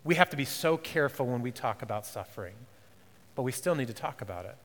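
A man preaching a sermon as pastor, earnest, swinging from hushed to emphatic, with casual conversational asides. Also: mid-range voice, expressive, fast, in a large hall. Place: church.

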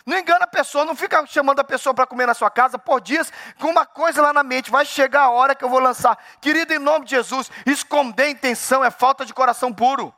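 High-voiced, animated pastor preaching. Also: male voice, quick pace, few pauses, dry recording, clean studio sound. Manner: animated, acts out inner dialogues with God. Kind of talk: sermon.

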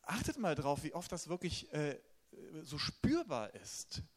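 A male preacher delivers a sermon with an animated, swinging voice that sits a little high for a man. He talks casually to his listeners and puts questions to them as he goes. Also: measured pace. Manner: lively, conversational preaching with questions to the congregation.

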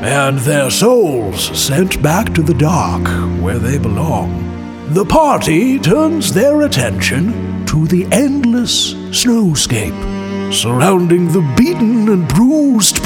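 Slow theatrical man narrating over music. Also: sits high. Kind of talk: dramatic recap narration. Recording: with music underneath.

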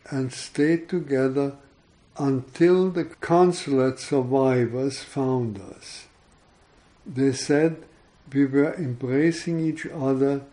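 An older woman survivor recalls a bombing in a slow, grave, quiet voice, read by a man. Her words come very slowly and mellow, with no rush between phrases. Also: medium pitch.

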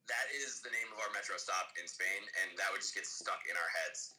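A man's voice: fairly low pitch, brisk, sharp tone, slight background noise, low-quality recording. A young man co-hosting a podcast in casual conversation with a friend. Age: young adult. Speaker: podcast co-host. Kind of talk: casual chat between friends.

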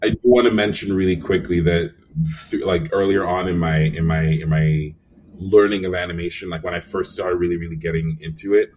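Deep-voiced young man telling animated stories. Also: fairly quick, recorded from a distance. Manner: animated storyteller, acts out quotes, frequent fillers. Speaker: animation supervisor guest. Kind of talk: casual storytelling interview.

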